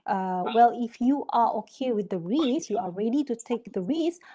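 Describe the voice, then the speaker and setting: A woman trainer gives instructional talk to a class. Her voice is fairly high yet very mellow in tone. She explains point by point and keeps checking understanding with short tags. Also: expressive, normal speed. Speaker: course trainer, therapist. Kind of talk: instructional talk in a live course.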